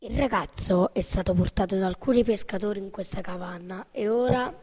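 A woman voicing a calm old man who sits outside his hut, in a storybook reading. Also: mid-range voice, a little fast, slightly rough, in a large hall, lightly acted.

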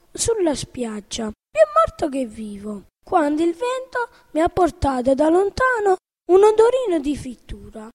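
A woman voicing Pinocchio, a lively young wooden puppet boy, in a storybook reading. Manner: high, excited, fretful.

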